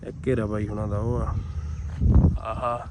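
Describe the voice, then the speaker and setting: A man's voice: fairly low pitch, flat delivery, normal speed. Folksy Punjabi man vlogging over machinery noise. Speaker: farm vlogger. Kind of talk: casual vlog chat. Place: outdoors in farm fields beside a running harvester. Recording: loud machinery and vehicle noise outdoors.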